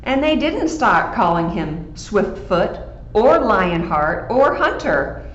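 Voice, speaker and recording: A woman librarian reading a picture book aloud to children, animated and asking them questions along the way. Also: mid-range voice, slow pace. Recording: echoey, dull, faint background hiss.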